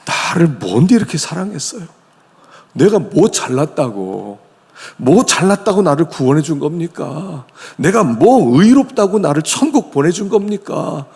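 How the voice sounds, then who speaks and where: A man, a senior pastor, preaching a sermon in a church sanctuary with animated storytelling. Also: on the high side, unhurried, gravelly, slightly rough. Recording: long church-hall reverb.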